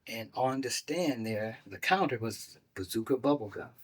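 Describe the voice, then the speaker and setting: A man in his sixties, a doctor and guest on a talk show, telling his life story in a lively way, acting out the voices of people he quotes. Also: medium pitch, normal speed. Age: 60s. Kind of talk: casual storytelling.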